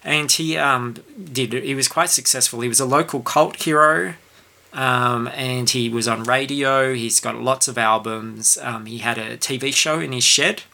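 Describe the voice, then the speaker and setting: This is a podcast co-host in a relaxed film chat. The voice is bright and carries a gravelly edge. The delivery rambles, full of ums, false starts and restarts. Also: mid-range voice, unhurried. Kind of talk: casual film review chat.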